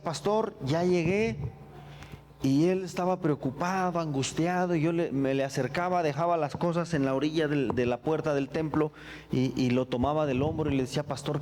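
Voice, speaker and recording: A middle-aged man, a pastor, sharing his personal testimony in a sermon with earnest, reflective storytelling and halting, repeated words. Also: fairly high pitch, darkish tone.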